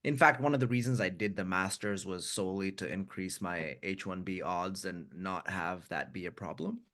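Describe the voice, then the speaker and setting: A man in his thirties from India, speaking with an American accent, joins a webinar as a guest over video call. His deep, slightly bright voice moves at normal speed as he tells his story frankly and reflectively, often restarting and repeating words.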